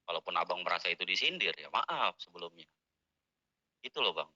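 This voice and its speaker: Fast pleading man, dry lo-fi voice chat. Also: low voice, sing-song, sharp tone, no room sound. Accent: Indonesian. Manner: apologetic, pleading, quick, keeps saying "Bang". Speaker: voice chat participant. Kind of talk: defensive argument in a voice chat.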